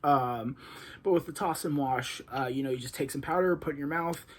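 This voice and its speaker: A young man talking candidly and haltingly about his own recovery, with frequent ums and uhs in a casual monologue. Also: mid-range voice. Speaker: vlogger recounting his addiction recovery. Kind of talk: casual first-person monologue.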